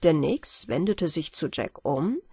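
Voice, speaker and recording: A woman reading a fairy tale aloud as a calm, unhurried bedtime audiobook. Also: low voice, breathy edge, no room sound, clean studio sound. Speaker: audiobook reader.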